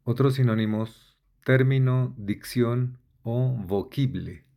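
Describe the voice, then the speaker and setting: A man reading a vocabulary list aloud in a measured, deliberate way, spelling out letters and giving definitions. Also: medium pitch, gravelly, mellow. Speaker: vocabulary instructor. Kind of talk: slow dictionary-style reading of a word list.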